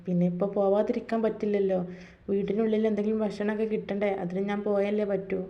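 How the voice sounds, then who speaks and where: A woman's voice: mid-range voice, level tone, quick pace, natural voice. A woman voicing a poor, tired, kindly aging father who talks wearily and coaxingly, in a dull lo-fi recording. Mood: weary. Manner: weary, coaxing.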